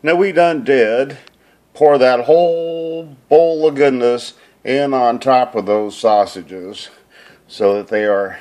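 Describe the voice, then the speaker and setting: A man's voice: medium pitch, background noise. A man casually narrating a home cooking video in his kitchen, rambling and folksy with lots of fillers.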